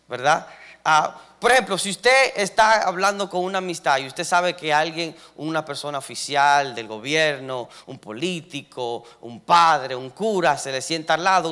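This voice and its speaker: A young adult man preaches a sermon as pastor of his congregation, his voice on the high side with a sharp tone. He tells everyday stories conversationally, filling them with fillers and building up rising emphasis.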